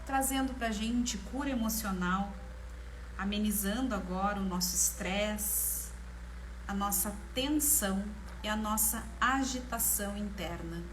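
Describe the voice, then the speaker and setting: A woman with a Brazilian Portuguese accent leading a guided meditation in a slow, soothing manner, leaving long pauses between short phrases. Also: mid-range voice, low-quality recording. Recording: clear background noise, ambience. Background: ambient meditation music.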